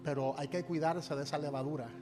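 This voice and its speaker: A man's voice: fairly high pitch, fairly even intonation, quick pace, over music. A male pastor preaching a sermon with emphatic, repeated refrains, calling on the congregation to repeat his words after him.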